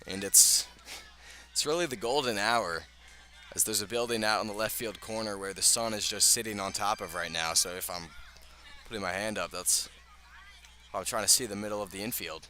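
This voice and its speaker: A man with a fairly low, sharp-toned voice calls live baseball play-by-play on the radio at normal speed, chatting conversationally and tossing in casual asides. He's at an outdoor ballpark, with faint music behind him and clear ambient outdoor noise in the recording.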